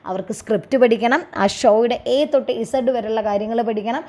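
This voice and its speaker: A young woman teacher with a Malayali English accent, slowly reading exam answers in English and explaining them in Malayalam. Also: a little high, warm tone. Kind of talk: exam revision lesson.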